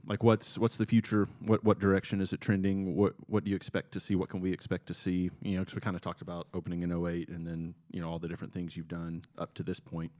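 A man's voice: low voice, level tone, quick pace, few pauses, dark tone. A man hosting a podcast, joking casually and stacking rephrased questions for his guests. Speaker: podcast host.

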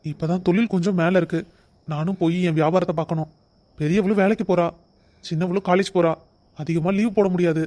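Cast: man as a courteous middle-aged family man, high voice, gently reasoning, cartoon story. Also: fairly even intonation, quick pace, lightly acted. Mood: polite. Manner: polite, reasoning. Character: polite middle-aged son-in-law and father. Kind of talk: animated story voice acting.

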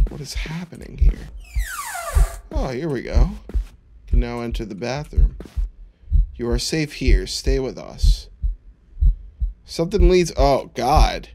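Sarcastic male gamer with animated pitch. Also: noisy background. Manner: sarcastic, jokey asides. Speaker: video game streamer. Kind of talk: casual horror game playthrough commentary.

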